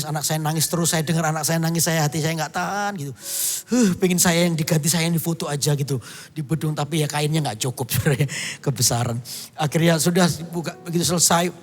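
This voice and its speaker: A man's voice: fairly high pitch, big-room sound. A middle-aged man from Indonesia preaching a sermon, telling a personal story and breaking into song now and then. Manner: storytelling, bursts into song and shouts. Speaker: pastor.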